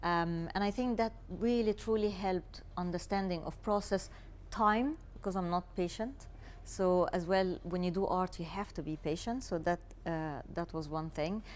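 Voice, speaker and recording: A woman's voice: lowish voice, moderate pace, a little mellow. Egyptian-born woman, candid and laughing. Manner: candid, self-deprecating, laughs easily. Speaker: interior designer, guest. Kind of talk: casual interview talk.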